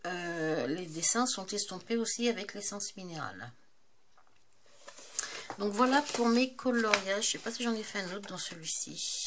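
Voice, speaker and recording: A woman in a casual show-and-tell vlog about her craft supplies, chatty and hesitant, often pausing with fillers. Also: mid-range voice, noisy background. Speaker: craft vlogger.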